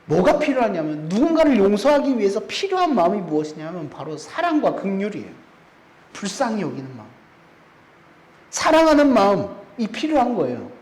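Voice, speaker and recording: A man's voice: high voice, wildly swooping pitch, fairly quick, darkish tone. A man preaching a sermon in a church, often putting rhetorical questions to the congregation. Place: church sanctuary. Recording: echoey church room.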